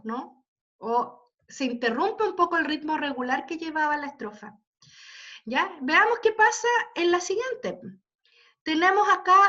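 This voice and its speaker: High bright woman teacher over a dull lo-fi call, keeps asking the class if they're following, patient. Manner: checks in constantly with tag questions; patient, walks students through examples. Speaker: literature teacher. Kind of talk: online class lecture. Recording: dull lo-fi audio.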